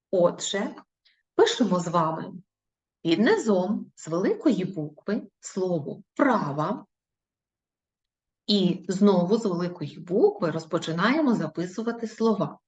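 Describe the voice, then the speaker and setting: Lively woman teacher, dull sound. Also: lowish voice. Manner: slow, clearly spoken dictation of syllables; encouraging, praising pupils. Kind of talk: recorded video lesson for young children.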